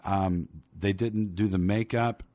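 A man's voice: fairly low pitch, fairly even intonation, slow pace, darkish tone, dry recording. A man co-hosting a casual rock podcast, arguing his case with stammering restarts. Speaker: podcast co-host. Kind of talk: casual chat.

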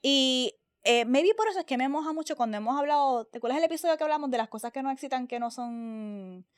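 A woman's voice: sits high, lively intonation, fast, no room sound, studio quality. A young woman with a Puerto Rican accent, co-hosting a podcast as casual chat, telling stories with animation and switching into English phrases. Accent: Puerto Rican Spanish. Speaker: podcast co-host.

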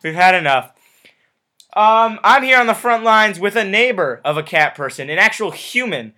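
High, bright-voiced man hosting. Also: expressive, normal speed. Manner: playful, jokey. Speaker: mock news host. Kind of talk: playful mock news sketch.

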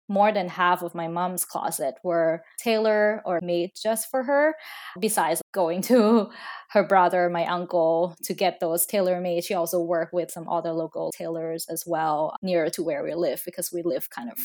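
Relaxed woman from Thailand, low voice. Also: moderate pace. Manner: thoughtful, relaxed, with fillers like "you know" and "like". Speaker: podcast guest, fashion brand founder. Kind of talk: casual interview conversation.

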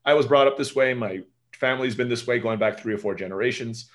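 Speaking fast in a fairly bright, mid-range voice, this man in his forties rambles through stories as a casual interview guest. Raised in Turkey with Turkish as his native language, he has an American accent and often ends sentences with "right?"

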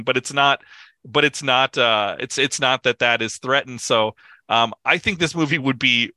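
A man's voice: mid-range voice, sharp tone, dry recording. A man co-hosting a film podcast, retelling scenes with enthusiasm and animation. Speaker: podcast co-host. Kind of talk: casual film discussion.

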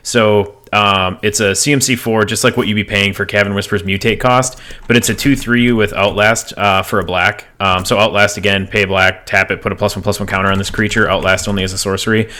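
A man with a low, bright voice talks through deck ideas at an easy pace. He is relaxed and loose, full of fillers and restarts, sounding like a podcast co-host among friends. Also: brisk, hardly any pauses. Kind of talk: casual chat about card game decks.

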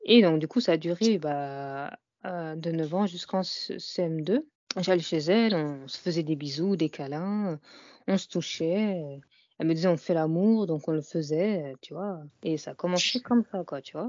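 A woman's voice: deep voice, normal speed, a little mellow, no echo, muffled recording. A young woman as an interview guest, talking casually and hesitantly, with many fillers and "you know" tags. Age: young adult.

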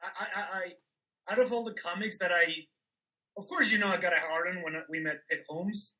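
A man with a fairly high, bright, forward voice co-hosting a podcast over a remote call. He rambles in a laid-back way, full of loose fillers. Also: a little fast, rough recording. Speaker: podcast co-host. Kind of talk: casual chat. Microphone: remote call microphone.

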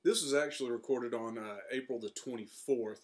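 Informal man introducing podcast, medium pitch. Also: brisk. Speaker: podcast host. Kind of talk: casual spoken episode introduction.

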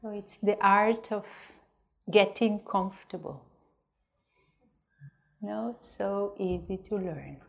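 With a gravelly, mid-range voice, a woman teaches a guided meditation, her gentle, unhurried phrases separated by long pauses.

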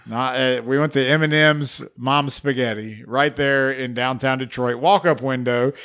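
An American man co-hosting a podcast, telling a trip story in a joking, animated way. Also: medium pitch, a little slow, clean tone. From United States. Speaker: podcast co-host. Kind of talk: casual chat.

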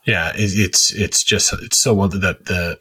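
Husky low-ish guy hosting a podcast, rambles through stories. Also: fairly even intonation, unhurried, sharp tone. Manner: rambling anecdotal storyteller. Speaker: podcast host. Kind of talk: casual podcast chat.

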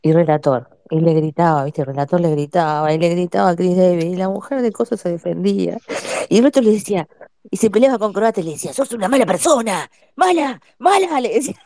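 A woman with a Rioplatense Spanish accent in a casual voice chat, a laughing storyteller who talks in a lively, chatty way. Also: on the low side, fast, no room sound, studio quality. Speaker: participant in a group voice chat. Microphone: online voice chat.

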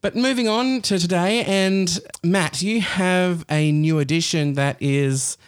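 A man hosting a casual podcast in a studio, chatty and quick to laugh, with a slight lisp from a bitten tongue. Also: sits high, smooth, no room sound. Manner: chatty, laughs often, hesitant fillers. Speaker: podcast host.

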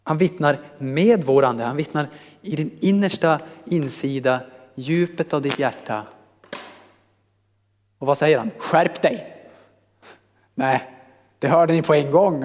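Swedish-speaking preacher in a reverberant hall. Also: male voice, on the high side. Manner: lively, conversational, jokes with congregation. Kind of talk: sermon. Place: church hall.

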